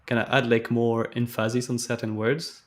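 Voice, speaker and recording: A man's voice: mid-range voice, flat delivery, moderate pace. Chatty man thinking aloud while coding. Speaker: live stream host. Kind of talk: casual coding walkthrough.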